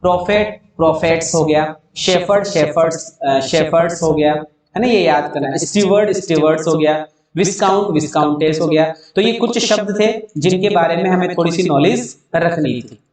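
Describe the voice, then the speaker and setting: A man's voice: a little high, moderate pace, a little mellow, very echoey, distant mic. A man teaching an online English grammar lesson, spelling words out letter by letter and answering his own questions.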